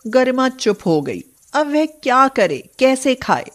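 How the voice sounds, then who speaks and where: A woman's voice: sits high, sing-song, takes it slowly. A woman narrator reading a scripted moral story.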